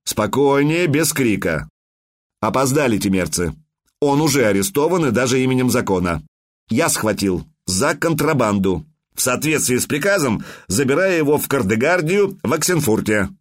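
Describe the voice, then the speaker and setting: Give me a man playing a shrewd, mocking customs officer in an audiobook, slow and deliberate. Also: mid-range voice, sing-song. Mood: sly. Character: shrewd male customs officer, sly and unhurried.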